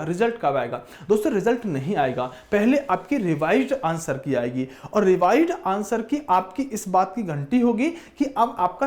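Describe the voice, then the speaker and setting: A man with a high, slightly mellow voice plays an exam coaching teacher. He explains things informally and with emphasis, repeating himself and often speaking straight to the students.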